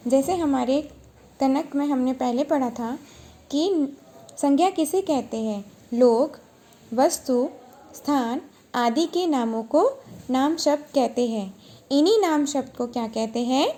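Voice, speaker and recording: A woman's voice: high voice, dark tone. A woman teacher giving a recorded grammar lesson, asking questions and then answering them herself.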